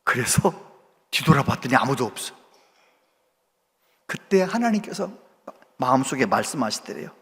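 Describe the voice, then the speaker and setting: A man's voice: medium pitch, sing-song, normal speed, pauses often, fairly bright tone. A male pastor preaching a sermon, telling a story with a voice that climbs and drops sharply. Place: large church sanctuary. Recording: church hall reverb.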